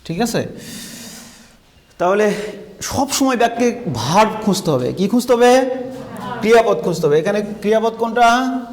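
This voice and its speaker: A man's voice: high-pitched, lively intonation, moderate pace, pauses often. A man with a Bangladeshi Bengali accent teaching a grammar lesson in a school classroom, asking the class questions and repeating their answers. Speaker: English teacher.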